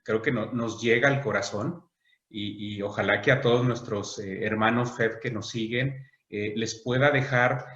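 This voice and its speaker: A man's voice: on the low side, steady tone, unhurried, a bit bright. A hesitant man hosts an online talk, stumbling over fillers and restarting his phrases. His voice comes through dull and lo-fi, with a roomy echo around it. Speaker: host. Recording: dull echoey room sound.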